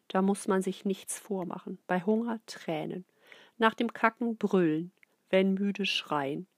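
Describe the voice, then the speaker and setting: A middle-aged woman reads a children's book aloud. Her voice is breathy and close, with a dry sound and no room echo. She is expressive and often sinks into soft whispers. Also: medium pitch. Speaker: narrator.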